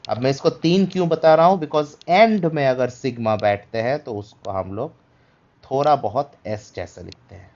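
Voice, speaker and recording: A man's voice: medium pitch, normal speed, a little mellow. A man teaching Greek letters in a livestreamed lesson, patiently switching between Hindi and English and checking in often with listeners. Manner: patient, repeats "ठीक है" to check understanding; mixes Hindi with English phrases. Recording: dull lo-fi stream audio.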